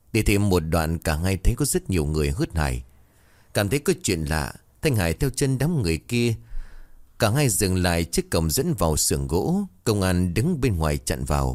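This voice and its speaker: A man narrating a dramatic horror story in a steady, dramatic storytelling manner. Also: low voice, moderate pace, no echo.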